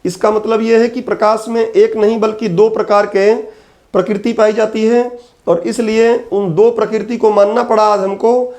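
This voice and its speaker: A man's voice: high voice, flat delivery, normal speed, a little mellow. A man teaching an exam-prep physics lecture, patiently repeating key terms and answering his own questions.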